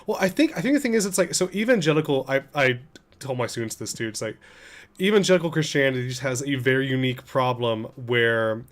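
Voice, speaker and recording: A man's voice: medium pitch, lively intonation, a little fast. A young man who teaches, co-hosting a casual podcast chat, rambling with many fillers and stammered restarts.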